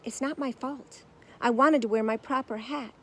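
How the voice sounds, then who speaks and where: A woman's voice: fairly high pitch, fairly even intonation, moderate pace, pitched above the performer's own voice, lightly acted, rough recording. A woman voicing a polite, earnest small young bear who speaks patiently and firmly in a storybook.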